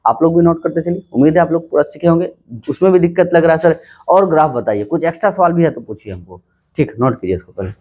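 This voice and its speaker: A man teaching a maths lesson in a calm, unhurried way, often asking questions and answering them himself. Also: a little high. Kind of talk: casual classroom maths lesson.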